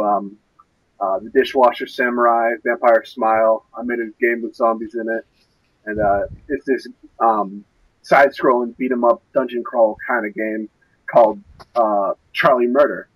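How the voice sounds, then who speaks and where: A man's voice: medium pitch, slightly rough, dry recording, lo-fi sound. A young man co-hosting a casual gaming podcast, rambling and searching for words with frequent fillers. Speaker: podcast co-host.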